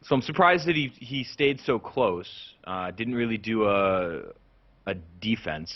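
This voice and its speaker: Casual co-caster guy, lowish voice, chatty and asking stuff, muffled sound. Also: expressive, measured pace. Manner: chatty, asks questions, laughs easily. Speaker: co-commentator. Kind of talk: casual game commentary. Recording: dull lo-fi audio.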